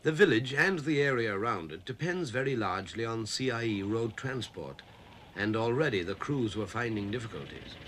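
Male narrator, scripted documentary, animated pitch. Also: slight background noise. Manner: measured, descriptive.

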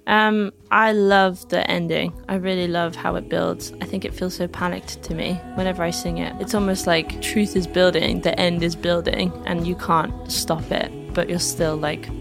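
A woman's voice: fairly low pitch, flat delivery, moderate pace, vocal fry, few pauses, music in the background, rough recording. A woman host chatting casually and expressively with bandmates. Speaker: band member and podcast host. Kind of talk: casual chat.

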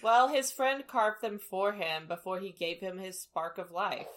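A woman's voice: mid-range voice, expressive, measured pace. A woman co-hosting a casual podcast, chatting in a laid-back, playful way. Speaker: podcast co-host. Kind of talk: casual chat.

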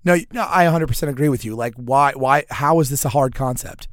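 A hoarse man co-hosts a podcast at a rapid clip. His voice crackles with a gravelly drill-instructor rasp, as if recently lost. He banters bluntly and swears freely in a dry, close recording. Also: medium pitch, no echo. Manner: blunt, profane. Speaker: podcast co-host.

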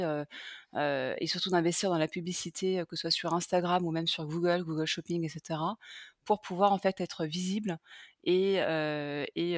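A woman's voice: on the low side, no echo, studio quality. A woman guest on a podcast, a sales manager explaining her field with frequent hesitations. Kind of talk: casual podcast interview.

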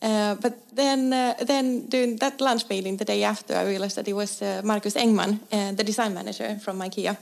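A woman's voice: medium pitch, fairly even intonation, brisk, gravelly, hardly any pauses, a little mellow. A young woman from Finland, a designer guest, telling her story in a casual interview with lots of fillers, restarts and laughter. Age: young adult.

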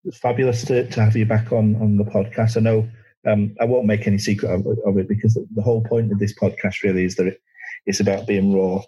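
A man hosts a casual podcast chat. His voice sits a little low and sounds husky, and he talks in a friendly way, often restarting his phrases. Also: little pitch movement, fast talker, mellow, muffled recording. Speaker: podcast host. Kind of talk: casual interview.

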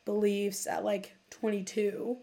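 A woman in her late twenties hosts a casual chat, speaking slowly in a mid-range voice with vocal fry. She's chatty, fills her talk with "like," and acts out quotes in an animated way.

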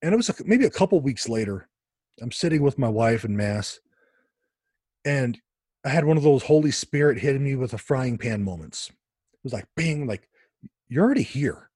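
Husky-voiced man telling his story. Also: mid-range voice, moderate pace, no echo, clean studio sound. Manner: animated, frequent restarts. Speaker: podcast guest. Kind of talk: conversational storytelling.

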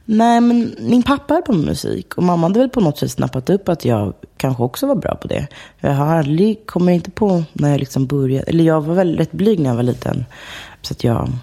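A woman telling stories of her childhood in a relaxed interview, chatty, laughing often and full of fillers. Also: low voice, gravelly. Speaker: guest. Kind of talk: casual interview chat.

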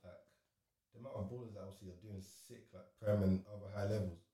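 Young south london roadman guy, talks really quick, slangy casual chat, says bro loads, echoey room. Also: fairly low pitch, steady tone, warm tone. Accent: London roadman, south London street slang. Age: young adult. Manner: slangy, peppers talk with "bro" and "like". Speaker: footballer guest. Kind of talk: casual chat, telling stories. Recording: roomy, echoey sound.

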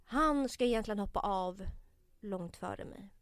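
A woman's voice: mid-range voice, dry recording, studio quality. A woman co-hosting a casual podcast chat, telling a story with animation, acting out the dialogue and swearing often. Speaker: podcast co-host.

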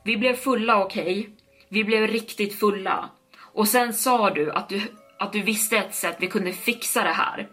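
A woman voicing a frightened, tearful wife who pleads in a shrill, panicky manner. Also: a bit bright, faint music behind, natural voice. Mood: panicked.

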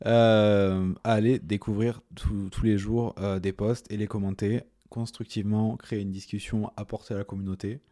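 Low, mellow-voiced male podcast host. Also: normal speed, hardly any pauses. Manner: relaxed, chatty, short interjections and questions. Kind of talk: casual podcast interview.

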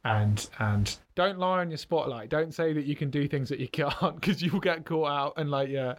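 A young man, a stand-up comedian, chatting in an interview in a hesitant way with many restarts and quick laughs. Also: a little high. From Britain. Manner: hesitant, full of fillers and restarts, laughs often. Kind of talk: casual interview chat.

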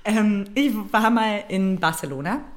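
A woman's voice: mid-range voice, animated, measured pace. Brief: young woman, podcast co-host, chatty storyteller, rambling with filler sounds, casual. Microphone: wearing headphones.

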